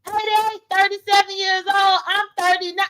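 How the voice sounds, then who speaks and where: High-voiced blunt woman in her thirties. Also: level tone, normal speed, pushed and bright, poor audio. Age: 30s. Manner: emphatic, blunt, talks straight to viewers. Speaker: vlogger. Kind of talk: casual commentary monologue.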